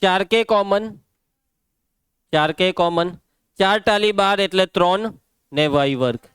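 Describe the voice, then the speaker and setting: Brisk Gujarati male maths teacher. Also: high voice, fairly bright tone, smooth, no echo. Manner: brisk, quizzes pupils by name, scolds the class. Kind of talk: live classroom lesson.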